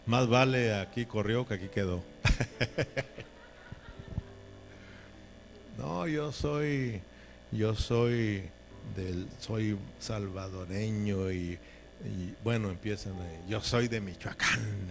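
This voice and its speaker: A man's voice: lowish voice, slight background noise. A man preaching a sermon in a folksy, joking way, often checking in with his listeners. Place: church.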